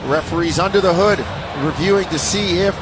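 Guy calling a basketball game, high voice, short clipped phrases, noisy arena behind him. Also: brisk. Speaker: play-by-play commentator. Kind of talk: live basketball commentary. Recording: courtside arena noise behind voice. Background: basketball arena crowd and bouncing balls.

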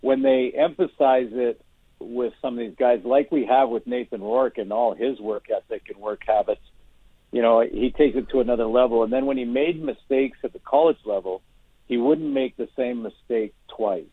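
A man's voice: mid-range voice, slightly rough, no echo. Man analyzing football over a phone line. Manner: measured, many restarts and hedges. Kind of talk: phone-in sports radio analysis.

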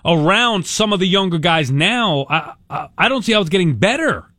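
A man's voice: sits high, lively intonation, moderate pace, bright, forceful tone, dry recording. A man hosting sports talk radio, giving opinionated commentary with emphatic repetition and rhetorical questions.

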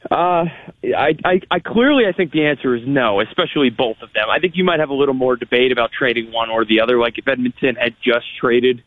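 A man's voice: mid-range voice, fairly quick, no room sound. A man giving conversational sports analysis as a radio guest, reasoning steadily with stammered repeats, over a phone line.

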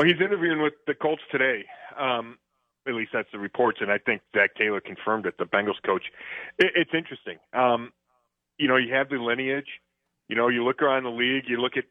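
A man's voice: mid-range voice, no room sound. Football analyst man on a phone line. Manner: conversational, many fillers and restarts. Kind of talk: sports radio discussion. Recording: dry phone-line audio.

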